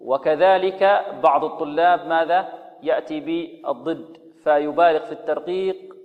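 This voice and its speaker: A man teaching Quran recitation rules, explaining slowly, asking rhetorical questions and modeling recited examples. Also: a little high, steady tone, long reverb tail, phone-quality sound. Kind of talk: tajweed lesson with recited examples.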